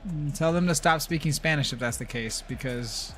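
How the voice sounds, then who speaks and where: A man's voice: a little high, normal speed, fairly bright tone, soft background music. A man streaming a video game and chatting casually, ranting bluntly and swearing. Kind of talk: casual livestream chat while gaming.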